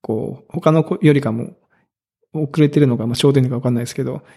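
Gravelly raspy man in easy chat. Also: medium pitch, racing, warm tone. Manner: easygoing, chuckling, self-deprecating. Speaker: podcast co-host. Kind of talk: casual chat.

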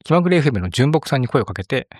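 A middle-aged man hosting a casual podcast, giving chatty announcements at a brisk clip. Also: medium pitch, big pitch swings, dry recording, clean studio sound. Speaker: podcast host.

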